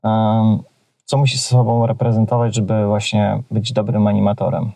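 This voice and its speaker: Soft-toned male interview host. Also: fairly low pitch, completely flat delivery, normal speed, vocal fry, no room sound. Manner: brief backchannels, hesitant questions with fillers. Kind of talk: interview questions.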